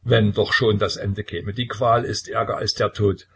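A man voicing a despairing young tsarevich who mourns in a sighing lament, with a low, husky voice. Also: level tone, moderate pace, a bit bright, heavily acted.

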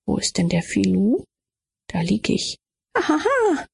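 A woman's voice: medium pitch, unhurried, vocal fry, mellow, breathy edge. A woman reading an audiobook as an intense first-person inner monologue, with whispered asides. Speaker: audiobook reader.

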